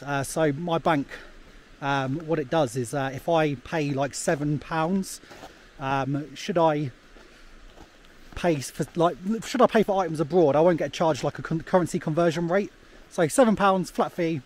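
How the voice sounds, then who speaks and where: Filmed outdoors with the camera at arm's length, a male travel vlogger rambles chattily along a snowy hiking path, full of fillers and frequent laughter. He has a fairly high, slightly mellow voice, with slight background noise.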